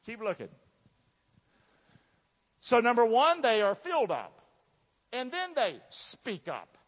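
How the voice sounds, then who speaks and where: Slowly, in a very high voice with wildly swooping pitch, a man delivers an emphatic, folksy sermon and questions his congregation. He has a Southern American accent and hails from the southern United States. The large church room sound is dull and reverberant.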